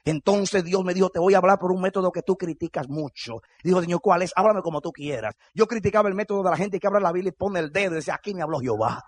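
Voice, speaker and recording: A male pastor preaching a sermon, moving from quiet, low storytelling to high, shouted fervor and acting out the words of others. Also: fast talker, few pauses, husky.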